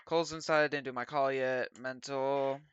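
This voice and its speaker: A man casually talking to himself in slangy, halting mutters as he records a trading journal recap. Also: mid-range voice, steady tone. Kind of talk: casual self-talk while typing, screen recording. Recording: dull mic, clear noise, keyboard clicks.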